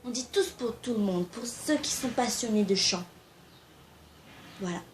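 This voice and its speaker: A woman's voice: a little high, expressive, measured pace, a little hiss or hum. A young woman talking casually to camera and giving amateur singing tips, informal and a little hesitant, with frequent fillers.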